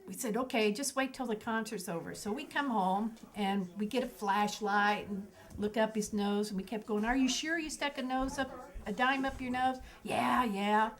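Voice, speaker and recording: Poor audio captures this older woman's fairly high voice as she recounts stories about her eleven children at an ordinary pace. She's animated and laughs frequently, voicing the kids whenever she quotes them.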